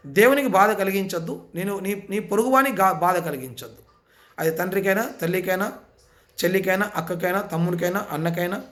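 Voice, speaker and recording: A man with a notably high-pitched voice delivers an impassioned sermon. He presses his points with repeated rhetorical questions and insistent appeals. His speech. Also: a bit bright.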